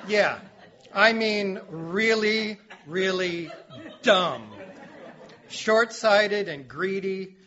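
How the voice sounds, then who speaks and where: A man's voice: sits high, extremely slow, sharp tone, muffled recording, heavily acted. A man voicing a dramatic male herald who warns humanity, delivered in an announcer's manner in an audio drama. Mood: ominous.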